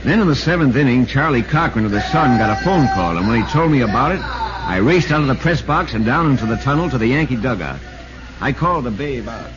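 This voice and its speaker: Styled after 1940s American radio drama, a man narrates and acts as an earnest, urgent baseball reporter telling his story with dramatic flair. His medium-pitched voice is animated and brisk, lightly acted over background music, in a muffled, noisy vintage-radio recording.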